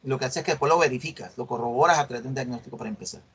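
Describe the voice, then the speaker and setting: A man's voice: medium pitch, racing, a bit bright, breathy edge. A middle-aged man, giving an online university class. He acts out dialogues with students and keeps checking that they follow. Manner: explains by acting out student dialogues, checks understanding often. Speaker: university lecturer. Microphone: video call.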